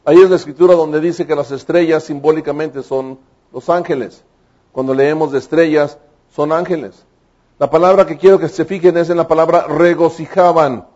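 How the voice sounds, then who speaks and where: A man's voice: fairly high pitch, fairly even intonation, moderate pace, a little mellow. A man, preaching a sermon with emphatic, fervent delivery. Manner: emphatic, rising to fervent exclamations. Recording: dull lo-fi recording.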